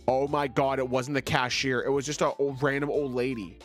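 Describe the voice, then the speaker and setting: A man's voice: mid-range voice, moderate pace, faint music behind. A man hosting a stream, casually reading online stories aloud and reacting with frequent exclamations and swearing. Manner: animated, exclaiming, swearing freely. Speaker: vtuber host.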